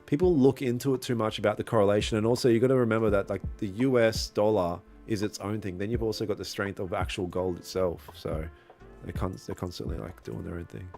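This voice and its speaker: A young Australian man livestreams his trading, reading and answering viewer comments in a slangy, laid-back way. His voice is lowish, steady, fast and a little mellow. Faint lo-fi music plays behind him.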